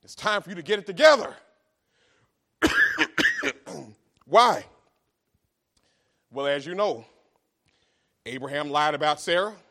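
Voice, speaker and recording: A grandfather pastor preaching a sermon, dropping to hushed asides and then rising to shouted exhortation. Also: on the high side, animated, slow pace, long pauses.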